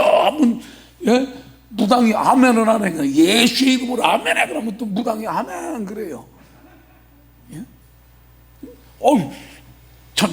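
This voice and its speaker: A male pastor with a strikingly high voice delivers a Sunday sermon in a church sanctuary. He preaches emphatically, breaking into shouts and calling back to the congregation for a response. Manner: emphatic, bursts into shouting and keeps checking with the congregation. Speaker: senior pastor.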